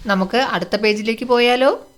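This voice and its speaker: A woman's voice: fairly high pitch, normal speed. A woman teaching a first-grade lesson, asking the children questions in a sing-song way and acting out the animals' lines.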